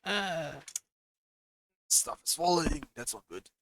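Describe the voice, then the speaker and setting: A young adult man speaks slowly in a fairly high voice while livestreaming a game, chatty and animated as he reacts to gameplay, with game music playing.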